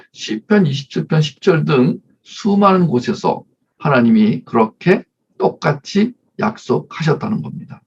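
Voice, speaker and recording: A man's voice: on the high side, vocal fry, lo-fi sound, slight background noise. A man preaching a conversational sermon, leading Bible readings and acting out little scenes of mothers and children. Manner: acts out mother and child voices, leads congregation reading. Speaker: pastor.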